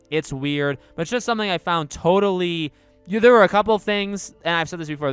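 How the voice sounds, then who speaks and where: A man hosting a podcast, giving casual opinion commentary in an animated, rambling way with many restarts. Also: fairly high pitch, clean tone. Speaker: podcast host.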